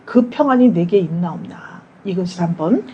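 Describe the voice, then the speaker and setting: A woman's voice: lowish voice, expressive, moderate pace, lo-fi sound, slight background noise. A woman pastor giving a Sunday sermon in a church. She talks to the congregation conversationally, asks them questions and acts out quoted prayers and dialogue.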